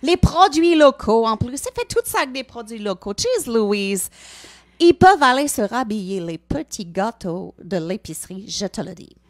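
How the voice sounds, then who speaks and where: Emphatic Quebec woman, fairly high voice. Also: sing-song, moderate pace. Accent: Quebec French. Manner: mock-salesy, emphatic, mixing English words into French. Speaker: co-host of a live book podcast. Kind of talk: playful live comedy banter.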